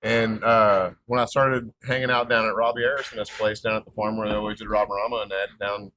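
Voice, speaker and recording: A man's voice: lowish voice, flat delivery, a little fast, pushed and bright, a little hiss or hum. A man hosting a podcast, asking curious follow-up questions in casual chat. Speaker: podcast host.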